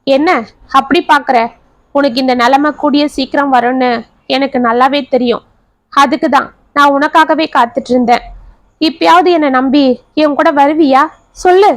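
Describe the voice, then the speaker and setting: A woman's voice: sits high, fairly even intonation, moderate pace, pauses often, no echo, lightly acted. A woman storyteller voicing an earnest, devoted young man in a family story. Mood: pleading. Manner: earnest, pleading.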